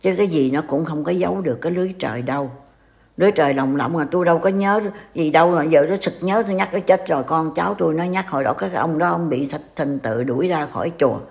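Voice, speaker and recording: Older southern vietnamese lady scolding someone online, gravelly fry in her voice. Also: low-pitched, quick pace, a little mellow. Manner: scolding, reproachful. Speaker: commentator. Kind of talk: casual online talk.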